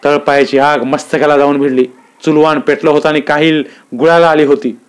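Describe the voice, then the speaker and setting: A man narrating a rural drama story in a vivid, expressive reading voice. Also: a little high, fairly quick, clear, resonant tone.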